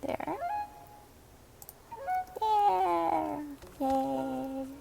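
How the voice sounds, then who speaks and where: A woman's voice: high voice, drawn-out words, creaky. A woman streaming a building game, chatting playfully and slipping into mock-dramatic outbursts. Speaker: vtuber streamer. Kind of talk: casual gameplay commentary.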